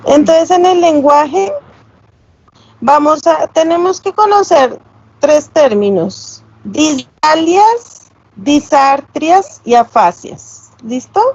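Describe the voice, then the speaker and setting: A high-pitched woman teaches a class, explaining terms patiently and asking her students if they follow. The sound is a little dull and lo-fi, picked up by a computer mic. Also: animated, slow, a little mellow, dry recording. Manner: explanatory, checks with tag questions. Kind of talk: online class lecture.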